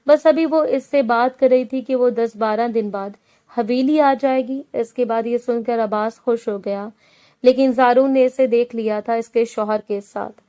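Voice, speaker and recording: Lady reading a romance novel out loud, steady, kinda high voice. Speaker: novel narrator. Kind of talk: scripted narration.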